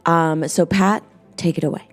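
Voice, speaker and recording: Casting: playful co-host, lowish voice, soft music behind. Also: female voice, fairly even intonation, normal speed. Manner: chatty and playful. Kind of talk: casual show chat.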